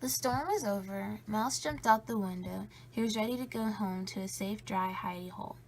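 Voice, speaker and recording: A woman reading a children's story aloud in a playful, spooky way, with drawn-out emphasis and a creaky edge. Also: mid-range voice, slight background noise, poor audio. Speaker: storybook reader.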